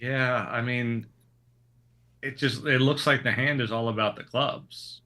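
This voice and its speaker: A man's voice: medium pitch, fairly even intonation, a little slow, sharp tone. A man commentating live bridge with a dry, sarcastic manner.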